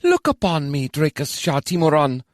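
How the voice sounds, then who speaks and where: A male narrator voicing a pompous elf house lord with a high-pitched nasal voice, making grand ceremonial proclamations. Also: very animated, normal speed, no room sound, studio quality. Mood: proclaiming. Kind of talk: audiobook character voice.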